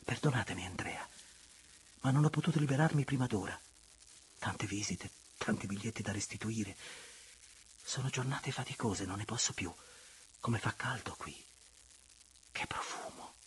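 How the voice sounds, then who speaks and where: A man voicing an elegant, guarded young noblewoman in an audiobook reading, in a soft, half-whispered delivery. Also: fairly low pitch, unhurried, pauses often. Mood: hurried, weary.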